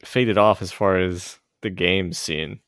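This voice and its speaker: Low-voiced man telling an easygoing story. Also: slow pace, a bit bright, clear, resonant tone, no room sound, studio quality. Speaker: podcast co-host. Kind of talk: casual chat.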